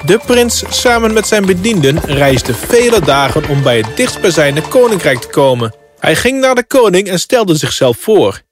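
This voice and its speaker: A man's voice: high-pitched, sing-song, normal speed, music in the background. A man reading a scripted fairy tale as a storybook narrator.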